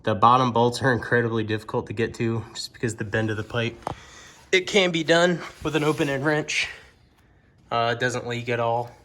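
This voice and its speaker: Here an amateur motorcycle reviewer, medium in pitch and moderate in pace, casually shows off the product hands-on. He talks plainly and a bit haltingly, and the clear recording has a steady hum of background noise.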